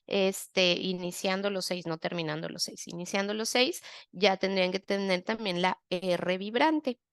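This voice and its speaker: A woman gives a clear masterclass, leading her audience step by step and often checking in. Her voice is crisp and sits in a middle range for a woman. The recording is close and dry, with no room sound. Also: medium pitch, a bit bright, no echo. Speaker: language therapist. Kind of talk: explanatory masterclass.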